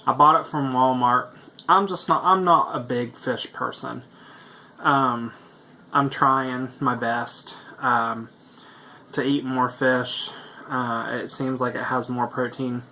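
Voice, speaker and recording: A man's voice: mid-range voice, steady tone, slow pace, sharp tone. A man talking in a casual video diary, rambling with lots of fillers while he eats. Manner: chatty and rambling, with many fillers; talks while eating. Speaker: vlogger.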